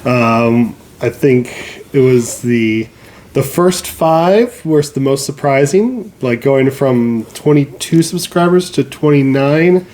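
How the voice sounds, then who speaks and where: A man's voice: medium pitch, slow pace, a little mellow. A man with a cold co-hosting a casual chat, easygoing and laughing along, recorded on a mic plugged into a phone. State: sick with a cold. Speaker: co-host, teacher. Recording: faint background noise, phone mic.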